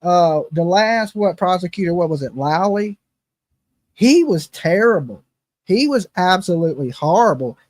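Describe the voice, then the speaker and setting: During a relaxed livestream chat, this fifties-aged true crime host speaks in a high, animated, slightly mellow voice at a moderate pace, and the audio has no room sound. He meanders, talks bluntly, teases himself, and frequently checks in with "right?" and "okay?".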